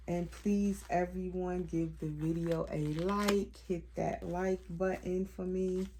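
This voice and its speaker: Middle-aged lady vlogging, slow easy pace, warm mellow voice, rambles a bit with little corrections. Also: on the low side. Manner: chatty and unhurried, with many asides and self-corrections. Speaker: doll collector vlogger. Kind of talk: casual demonstration vlog.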